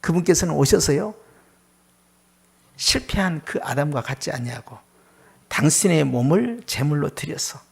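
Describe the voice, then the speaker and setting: A male pastor preaching a prayer-meeting sermon, firing rhetorical questions at the congregation, prodding them with "eh?" and dropping to a hushed near-whisper on key words. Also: fairly high pitch, creaky, slightly rough.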